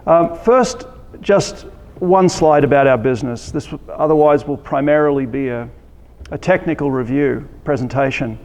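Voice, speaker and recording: A man with an Australian accent giving a conference presentation, relaxed and joking, with many ums and restarts. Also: on the high side, moderate pace, in a large hall. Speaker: conference speaker. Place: conference hall.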